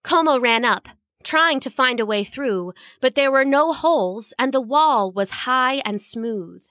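A woman narrating a children's storybook in an expressive, lively reading. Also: high-pitched, measured pace, dry recording, studio quality.

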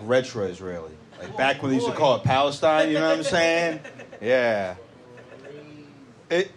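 A man from the United States, a comedian and podcast host, talking in a loose, laid-back way with many fillers and casual swearing. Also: medium pitch.

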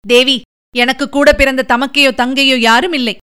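Pleading young noble girl, weepy and desperate, a woman reading her, high clear voice. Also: steady tone, normal speed, bright, forceful tone. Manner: tearful, pleading, emotional. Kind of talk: audiobook reading.

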